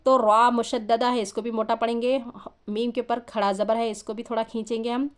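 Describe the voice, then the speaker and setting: A woman teaching Quran reading, spelling out letters and vowel marks one by one, then chanting the joined words slowly, with patient explanations in between. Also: on the high side, level tone. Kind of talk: slow syllable-by-syllable recitation lesson.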